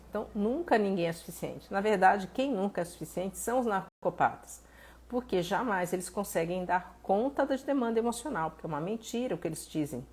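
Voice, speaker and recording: A Brazilian woman therapist talking casually on a live stream, reading out viewers' messages and answering them with animated, acted-out exclamations. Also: lowish voice, breathy edge. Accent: Brazilian Portuguese. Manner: animated, conversational, reads viewer messages aloud and acts out exclamations.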